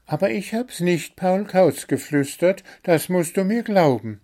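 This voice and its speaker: A small fretful bird, voiced by a man, pipes up high and flustered. The voice keeps a gravelly edge and slow storybook pacing. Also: animated, mellow. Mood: pleading. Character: small fretful male bird, chirpy and anxious.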